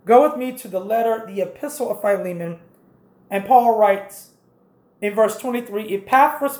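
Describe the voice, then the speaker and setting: Female preacher, methodical sermon delivery, slightly high-pitched, reverberant room. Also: a little mellow. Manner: repeats scripture references, directive and explanatory.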